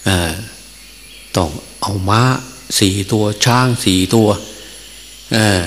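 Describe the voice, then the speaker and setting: Deep-voiced monk telling a sermon story. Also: male voice, fairly even intonation, takes it slowly, fairly bright tone. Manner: folksy, many filler sounds, chuckles. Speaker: Buddhist monk teacher. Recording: long reverb, faint hum.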